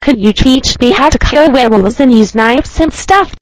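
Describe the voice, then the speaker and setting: A woman's voice: a little high, normal speed, pitched above the performer's own voice, natural voice. A woman voicing a polite, eager little girl in a storybook tale, sweet and earnest.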